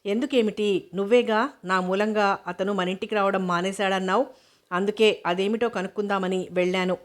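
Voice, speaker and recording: A woman voicing an innocent, eager young daughter who chatters on quickly, in an audiobook reading. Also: medium pitch, steady tone, natural voice.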